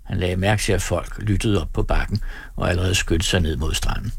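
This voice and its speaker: A man narrating an audiobook in a steady storytelling read. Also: deep voice, creaky, breathy edge, dry recording. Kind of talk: scripted narration.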